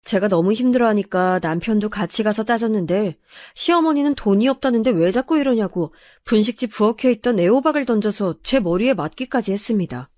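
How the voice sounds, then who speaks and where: A woman's voice: medium pitch, animated, a little fast, darkish tone, dry recording. A woman narrating a true first-person family story, in an aggrieved, confiding manner.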